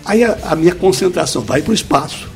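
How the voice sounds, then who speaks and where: Male teacher guest, bit high, very lively delivery, didactic, faint music behind. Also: fairly quick. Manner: lively, didactic, full of examples. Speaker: speed-reading teacher, guest. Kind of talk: explanatory interview answers.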